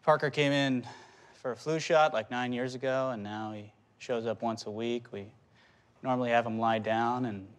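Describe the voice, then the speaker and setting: A man's voice: medium pitch, steady tone, normal speed, lightly acted. A man playing a walk-in clinic worker, speaking matter-of-factly in a mockumentary interview.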